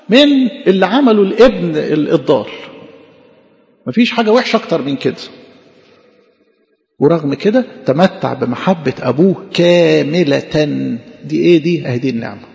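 A man's voice: high voice, animated, normal speed, vocal fry, pauses often, darkish tone, long reverb tail, highs cut off. A man with an Egyptian Arabic accent preaching a sermon, asking questions and answering them himself in a conversational way.

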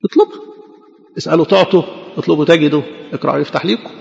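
Fast, high-voiced Egyptian preacher in a hall. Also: male voice, expressive, a little mellow, muffled recording. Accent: Egyptian Arabic. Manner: conversational preaching, asks and answers his own questions. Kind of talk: sermon.

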